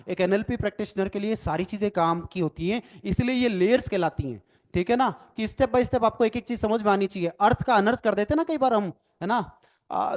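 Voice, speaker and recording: A man teaching a recorded lecture as an NLP trainer, explaining step by step, spelling words out letter by letter and often adding "ठीक है ना" as a check. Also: high-pitched. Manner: explanatory, repeats "ठीक है ना" tag questions; mixes English phrases into Hindi.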